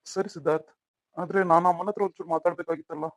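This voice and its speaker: A man's voice: on the high side, steady tone, fast, dry recording, lightly acted. A man voicing a caring young elder brother who consoles and questions his sibling in a cartoon story. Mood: calm. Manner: concerned, soothing.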